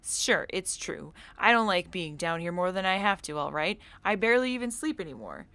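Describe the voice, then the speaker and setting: A woman's voice: lowish voice, animated, normal speed, bright, forceful tone, no room sound. A woman voicing a defensive, jumpy female cultist in a game, speaking bluntly.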